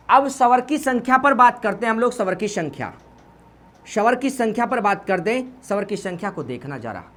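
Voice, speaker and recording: A man's voice: high voice, fairly bright tone. Uttarakhand hindi guy teaching grammar for exams, keeps repeating points, asks the class then answers himself, lots of "ji". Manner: repetitive, question-and-answer teaching with filler "ji". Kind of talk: exam-prep lesson.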